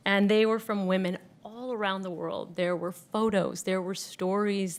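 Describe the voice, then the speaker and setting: Lady moderator at a lectern, asks the panel stuff, reads bits out. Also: mid-range voice. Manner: guiding, reads aloud, asks questions. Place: stage lectern, indoors. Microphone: lectern mic.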